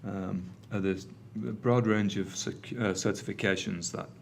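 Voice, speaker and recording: In a meeting room before an audience, a middle-aged Manchester-accented Englishman gives a conversational technical conference presentation full of ums and uhs. His gravelly, lowish voice stays steady and a little slow, over slight hiss or hum.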